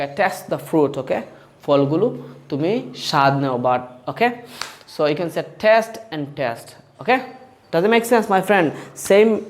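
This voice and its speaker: A man with a Bangladeshi accent giving a casual video lesson as an English teacher. He switches between two languages mid-sentence, keeps asking "okay?", calls the listener "my friend", and slowly repeats each word pair. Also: on the high side.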